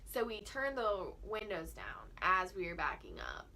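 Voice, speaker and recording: A woman's voice: on the low side, huge pitch swings, unhurried, sharp tone. A young American woman co-telling a story in a vlog, casual and informal, peppering it with "like" and quoted dialogue. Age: young adult. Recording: faint background noise.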